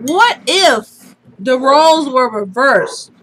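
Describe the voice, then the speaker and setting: A tipsy woman co-hosting a raunchy podcast, talking loud and brash with plenty of swearing. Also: high-pitched, sing-song, slow, a crowd in the background, rough recording. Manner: loud, brash, laughing, drunk and giddy. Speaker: podcast co-host. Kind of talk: raunchy casual chat.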